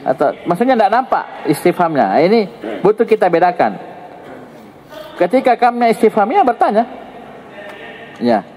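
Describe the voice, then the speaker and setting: A man's voice: normal speed, pauses often, long reverb tail, poor audio. A male teacher with an Indonesian accent giving an Arabic grammar lesson in casual classroom talk, joking and swinging his intonation up and down. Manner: lively, joking, swings pitch up and down to show intonation.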